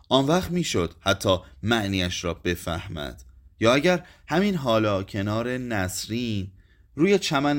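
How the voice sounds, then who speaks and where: A male narrator reads a literary short story aloud with dramatic expression. His pitch moves a lot, rising and falling with the tension of the scene. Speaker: audiobook narrator.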